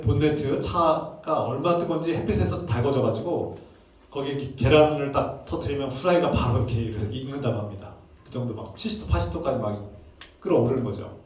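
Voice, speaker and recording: A man's voice: fairly high pitch, a little mellow. Preaching man in a very echoey hall. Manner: emphatic preaching, acts out angry prayers in a raised voice. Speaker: pastor. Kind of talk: sermon. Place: church sanctuary. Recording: echoey church hall, mic at a distance.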